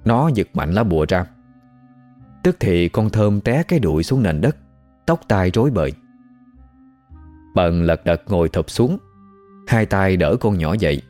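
Deep-voiced man narrating. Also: measured pace, pauses often. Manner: expressive, lively storytelling. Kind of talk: storytelling narration. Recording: faint background music.

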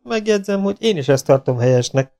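A man's voice: a little high, lively intonation, mellow, pitched above the performer's own voice. Cocky outlaw gunslinger, mocking, self-assured, voiced by a man reading a novel.

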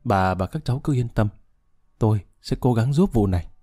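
A man voicing a calm, formal middle-aged lawyer speaking in a measured way. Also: medium pitch, dry recording, studio quality, lightly acted. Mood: reassuring.

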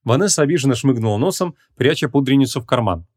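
A man narrating an audiobook in an even, measured reading voice. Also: mid-range voice, no room sound, studio quality.

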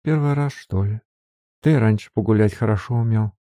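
A man's voice: fairly quick, mellow, no room sound, natural voice. A man reading an audiobook, voicing a tender but scolding young woman by raising his voice. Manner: voice raised to a higher register for the woman.

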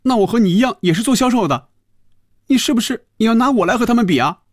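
A male storyteller voicing a young saleswoman who is touchy and earnest and gets shrill and quick when upset. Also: huge pitch swings, dark tone, husky, dry recording, clean studio sound, exaggerated voice. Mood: angry.

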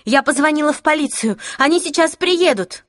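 A woman's voice: high-pitched, expressive, a little fast, fairly bright tone, no room sound, clean studio sound, pitched above the performer's own voice. A woman voicing a stubborn, frightened teenage girl who speaks shrilly and indignantly. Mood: panicked. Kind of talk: audiobook character voice.

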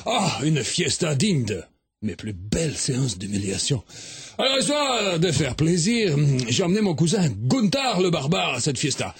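A man performing a crude, boastful comic sketch monologue as a radio columnist, shouting and muttering by turns. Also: a little high, big pitch swings, normal speed, breathy edge.

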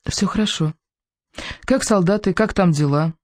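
A woman's voice: lowish voice, normal speed, a little mellow, dry recording, clean studio sound, pitched above the performer's own voice, close to an everyday voice. A woman voicing a young female nurse who has fainted and speaks weakly and apologetically. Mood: weak, apologetic.

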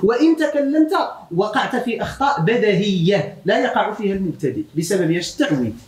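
A Moroccan man gives a grammar lesson at a quick clip, his voice rising and falling with lively swings. He keeps turning to his students with questions. The room around him rings with echo. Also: high voice. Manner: animated, questions the students, mixes classical Arabic with dialect. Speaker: religious teacher of Arabic grammar. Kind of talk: classroom lecture.

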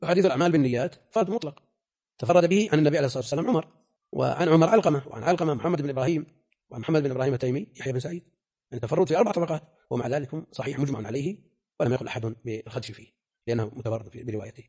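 Older male scholar lecturing on a classical text, husky, very fast, firm. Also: medium pitch, dark tone. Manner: rapid, emphatic, rhetorical questions. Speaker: scholar teaching hadith terminology.

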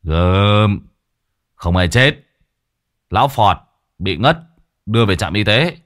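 A man voicing a calm, level-headed young man who speaks in a measured, matter-of-fact way in a ghost story. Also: fairly low pitch, no echo, studio quality.

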